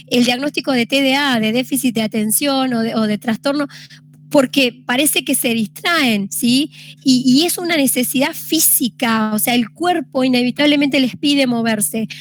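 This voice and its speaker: A young woman with an Argentine accent gives an informal talk to students in a high, clear voice. She explains step by step and keeps checking that her listeners follow. A faint hum runs under the recording. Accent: Argentine Spanish. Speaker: teacher giving a study-tips talk.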